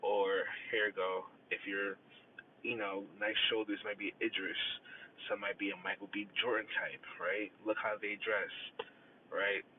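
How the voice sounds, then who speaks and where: A man's voice: level tone, a little slow. A man giving casual dating advice straight to the listener in a confident, emphatic, slangy coaching manner, often checking in with "right?". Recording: noisy, rumbling, partly tinny phone-like sound.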